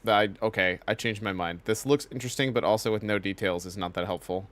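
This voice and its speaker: A man's voice: lowish voice, fast talker, fairly bright tone. A man giving casual live reaction commentary as a streamer watching a game showcase.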